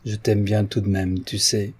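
Guy reading an audiobook doing a chatty young woman, teasing, a bit husky and dark. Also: lowish voice, flat delivery, moderate pace. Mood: playful.

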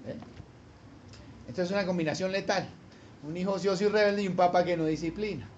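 A man's voice: high-pitched, fairly even intonation, brisk. A man preaching a sermon as a pastor, talking animatedly with rhetorical questions and acted-out voices. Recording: slightly dull lo-fi sound with faint noise.

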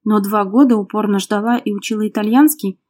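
A jealous, hot-tempered young man barks short menacing lines, as a woman reader puts him on. The voice is warm and mellow, clipped and hard. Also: mid-range voice, a little fast, natural voice. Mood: furious. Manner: curt, snapping, menacing.

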